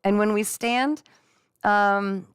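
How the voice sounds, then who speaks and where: Middle-aged woman chatting on a live stream at home, reading comments, upbeat and encouraging, middle pitch, dry close sound. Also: fairly even intonation, slow pace, smooth, no echo. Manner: chatty and encouraging, frequent laughs, talks straight to viewers as "guys". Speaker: livestream host and psychic reader. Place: at home with her dogs.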